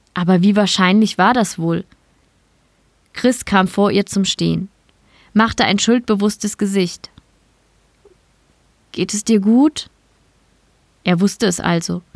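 A woman narrates a short story in a calm, measured reading voice. Her pitch sits in an ordinary middle range. The sound is close and dry, with no room to speak of. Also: no echo. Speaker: story reader. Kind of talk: scripted narration.

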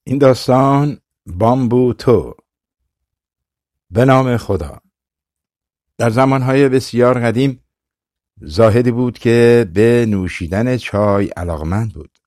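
Male audiobook narrator, measured and calm, mid-pitched, dry close mic. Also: no echo. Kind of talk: scripted narration.

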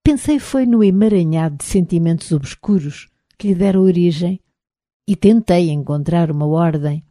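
A woman reads an audiobook in a European Portuguese accent with a measured, even delivery. Her voice is somewhat low and very dark and mellow. The recording is dry and close to the mic. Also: no echo. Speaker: audiobook narrator. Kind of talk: scripted audiobook narration.

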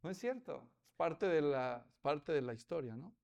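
A man's voice: a little high, animated, moderate pace, creaky, a little mellow, dull audio. A man preaching a sermon as pastor, telling stories with humor and rhetorical questions to the congregation.

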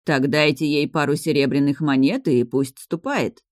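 A narrator voicing a calm, reserved middle-aged butler in a fantasy audiobook. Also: medium pitch, moderate pace, dry recording, clean studio sound, lightly acted.

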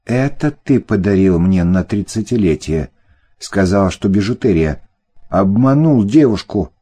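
A man's voice: fairly low pitch, animated, unhurried, mellow, husky. A man voicing an indignant young woman who confronts her former lover, speaking in an accusing, emphatic way.

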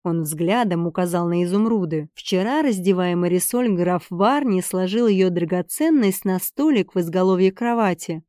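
A woman reading a novel aloud as an audiobook narrator, in an even, measured way. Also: lowish voice, no echo, studio quality. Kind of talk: scripted narration of a romance novel.

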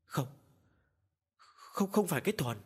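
A man's voice: a little high, animated, a little slow, husky, voice pushed up, heavily acted. A man doing a domineering old village man. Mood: frightened. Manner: barking and domineering, stammering when scared. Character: old rich village man, overbearing, then terrified. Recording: long hall reverb.

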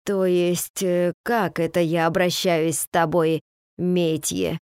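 A woman voicing a weary, gentle husband who speaks slowly in a low, subdued, halting way. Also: flat delivery, clean tone, no echo, clean studio sound. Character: weary, soft-spoken husband, gentle, slow.

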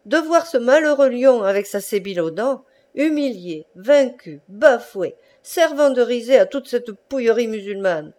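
A woman putting on a pompous, excitable adventurer. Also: a little high, measured pace, hardly any pauses, pitched above the performer's own voice. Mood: exclaiming. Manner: exclaiming, indignant outbursts. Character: boastful pompous southern French adventurer man.

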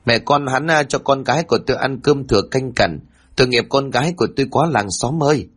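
A man's voice: medium pitch, quick pace, breathy edge, voice pushed up, close to an everyday voice. A man voicing a cruel young stepmother who scolds and sneers at a small child. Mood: wailing.

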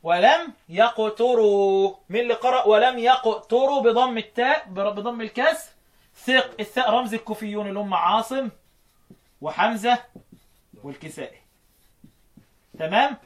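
High-voiced Egyptian man teaching recitation. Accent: Egyptian Arabic. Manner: chants verse lines slowly, then explains quickly, quizzing students. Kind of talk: explaining a classical recitation poem to students.

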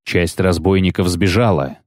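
A gruff, terse monster hunter, read by a male audiobook narrator, with a cold, grumbling delivery. His voice sits very low and sounds dry and close-miked. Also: moderate pace, no room sound, natural voice. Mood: curt.

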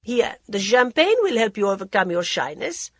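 A woman reading a storybook aloud puts on the voice of a grand, worldly older society lady holding court, drawling theatrically and calling everyone darling. Her husky voice sits a touch higher and louder than plain narration, swooping with lively, arch inflection in an arch, languid mood. The moderate-paced delivery is recorded close and dry with no echo.

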